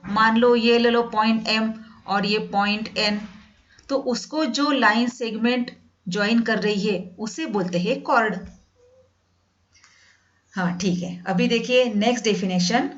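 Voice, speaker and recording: A woman teaching a math class, patiently repeating each definition slowly and addressing her students as "beta". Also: a little high. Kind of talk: classroom lesson in Hindi with English definitions. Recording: dull lo-fi sound.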